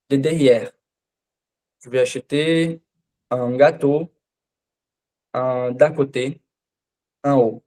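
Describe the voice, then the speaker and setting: A man's voice: medium pitch, mellow. Brazilian Portuguese male teacher explaining French. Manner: explains patiently, often adds "né?" and "tá?". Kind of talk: live online language class.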